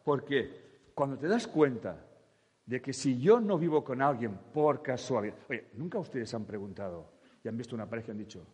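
Animated man addressing an audience. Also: mid-range voice, normal speed, big-room sound. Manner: lively, acts out quoted voices, jokey and crude. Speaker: spiritual speaker. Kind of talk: humorous talk to an audience.

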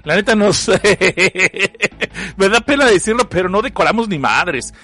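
A man's voice: high-pitched, animated, measured pace, pushed and bright, soft background music. A man from Mexicali with a northern Mexican accent, hosting a livestream and reading out chat messages in a joking, slangy way that is full of laughs. He has a cough. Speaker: livestream host.

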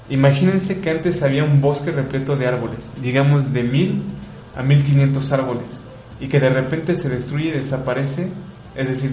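A man's voice: medium pitch, a little mellow, roomy sound, a little hiss or hum, low-quality recording. A man giving earnest commentary, asking rhetorical questions and repeating words for emphasis. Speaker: radio host. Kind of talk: reflective commentary on environmental issues.

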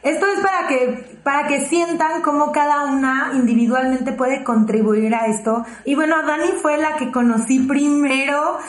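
Sentimental woman, high voice, echoey room. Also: steady tone, moderate pace, hardly any pauses. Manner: sentimental and warm-hearted, sighs "ay". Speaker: podcast co-host. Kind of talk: casual chat.

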